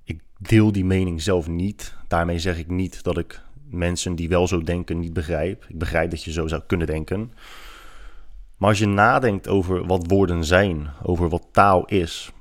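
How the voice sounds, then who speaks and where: A man hosting a solo podcast, giving his opinions in an argumentative way with many hesitant fillers. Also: low-pitched. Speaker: podcast host.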